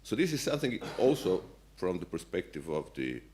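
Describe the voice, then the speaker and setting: A man with a notably low voice talks on a conference panel as a policymaker. He pauses often and restarts his sentences, searching for words. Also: very animated, a little mellow, slight background noise. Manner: hesitant, many fillers and restarts. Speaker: central bank policymaker.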